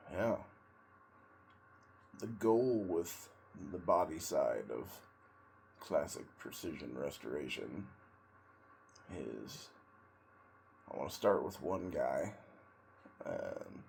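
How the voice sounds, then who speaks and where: A man sitting in ice cold water, giving a casual, rambling monologue in a halting way with long pauses between short phrases. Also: very deep voice, vocal fry, slight background noise. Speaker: vlogger, tradesman in auto body and paint.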